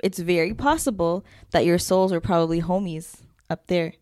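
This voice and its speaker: A woman's voice: on the low side, moderate pace, a little mellow, no echo, studio quality. A young woman co-hosting a casual podcast, rambling with lots of fillers and frequent giggles. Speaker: podcast co-host. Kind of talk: casual chat.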